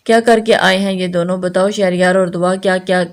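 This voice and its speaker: A woman's voice: on the low side, steady tone, natural voice. A woman voicing an exasperated middle-aged mother scolding her quarrelling children.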